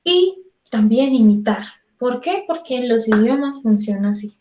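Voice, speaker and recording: A Colombian woman vocal coach with a somewhat high yet mellow voice talks through an online singing lesson. She chats easily, acts out what her students might think and repeats words for emphasis. The room around her gives her voice a clear echo. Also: expressive, moderate pace, slight background noise. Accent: Colombian Spanish. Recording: echoey room.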